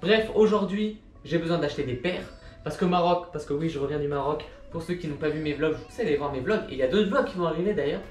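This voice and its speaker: A young man in his twenties talks through a casual sneaker vlog in a rambling, chatty way, often mocking himself in quick asides. His voice sits a little high for a man. The room around him is noticeably echoey, with soft music underneath. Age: 20s. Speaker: sneaker vlogger. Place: indoor room with a machine running. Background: machine noise and soft music.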